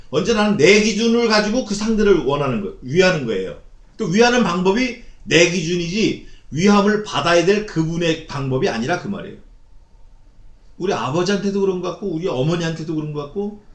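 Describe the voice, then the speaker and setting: A male pastor preaching a sermon, emphatic and animated, acting out quoted speech. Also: on the high side, reverberant. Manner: emphatic, voices God in dramatic quoted lines. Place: church sanctuary.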